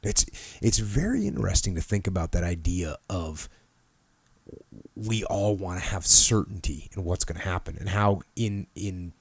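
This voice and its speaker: A man's voice: deep voice, expressive, moderate pace, vocal fry, slightly rough. A man hosting a leadership podcast, talking in an emphatic, punchy way and repeating key phrases. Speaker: podcast host. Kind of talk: leadership discussion.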